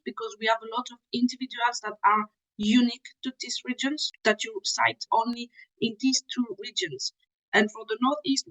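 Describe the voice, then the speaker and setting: A woman's voice: a little high, fairly bright tone, poor audio. Swiss woman explaining her research. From Switzerland. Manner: careful, methodical, frequent "uh" pauses. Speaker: PhD student researcher. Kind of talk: explanatory interview answers.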